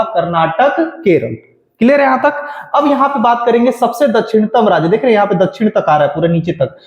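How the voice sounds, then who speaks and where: A male teacher, giving a classroom lecture and drilling students by having them repeat lists after him. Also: high voice. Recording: echoey room, dull lo-fi sound.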